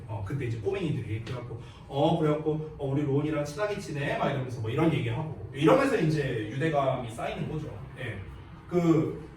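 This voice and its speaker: A man's voice: a little high, far from the mic, a little hiss or hum. A man in his thirties teaching a class, telling anecdotes and quizzing his students in a chatty, joking way. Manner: chatty, jokey, asks students questions. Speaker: English teacher. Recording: echoey classroom, voice from afar.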